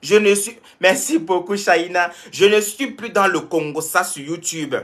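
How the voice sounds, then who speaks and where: A young man from Cameroon talks casually to his viewers on a live stream, answering comments and repeating points for emphasis. His voice is high-pitched and fairly bright, with a measured pace.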